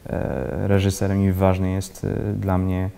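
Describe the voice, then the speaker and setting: A man in his thirties who grew up in Switzerland, an actor being interviewed, talking haltingly and restarting often as he searches for words. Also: low voice, completely flat delivery, creaky, warm tone, in a large hall. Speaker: actor, guest. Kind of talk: casual interview talk. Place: indoor library room with bookshelves, seated in armchair.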